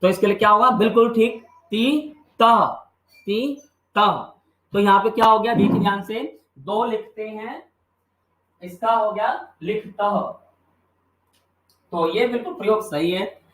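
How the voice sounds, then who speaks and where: A man's voice: high voice, moderate pace, a bit bright, reverberant, low-quality recording. A man teaching Sanskrit grammar in a video lesson. He asks questions and answers them himself, and drills the endings by repeating them. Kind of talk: classroom-style video lesson.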